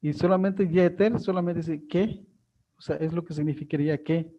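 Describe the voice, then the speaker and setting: A male teacher explains a live online class, pausing often with fillers and restarts. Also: fairly high pitch, fairly even intonation, lo-fi sound.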